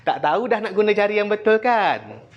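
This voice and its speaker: A man with a Malaysian Malay accent teaching children the abacus, playful and teasing, shifting between loud drill calls and low asides. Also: big pitch swings, brisk, dull audio. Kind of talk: classroom lesson to children.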